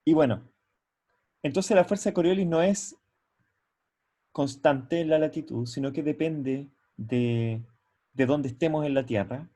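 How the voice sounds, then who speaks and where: A man's voice: a little high, warm tone. A man giving an online university lecture from a computer microphone. He explains step by step, often stops to check that students follow, and restarts his sentences as he thinks. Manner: halting, with frequent restarts. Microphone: computer mic on a video call.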